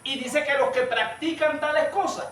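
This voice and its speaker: A man preaching a sermon, telling a story and addressing listeners as brother, sometimes rising to a shout. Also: very high voice, moderate pace. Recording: echoey room, far from the mic, light noise.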